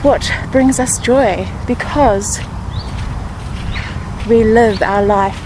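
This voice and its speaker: A woman guiding a grounding meditation, speaking positive affirmations with pauses and repetition. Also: a little high, background noise. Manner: slow, pausing grounding-exercise delivery with repeated affirmations. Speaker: meditation guide.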